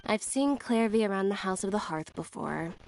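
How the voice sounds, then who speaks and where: A woman voicing a blunt, deadpan, coolly determined young sister in an anime game. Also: medium pitch, moderate pace, vocal fry, faint music behind. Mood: flat, insistent. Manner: deadpan, matter-of-fact.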